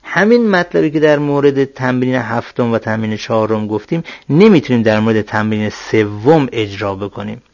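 A man teaching Arabic grammar, working through exercises and slowly spelling out each example word. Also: medium pitch, animated, darkish tone, no room sound. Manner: slow, deliberate, spells out example words. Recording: dull, dry lo-fi sound.

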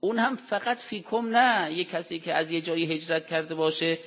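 With a steady tone on the high side, this man lectures on Quran commentary, asking rhetorical questions only to answer them himself. His delivery is deliberate and explanatory, dotted with Arabic quotations, and the recording sounds tinny like a phone, with a long hall echo.

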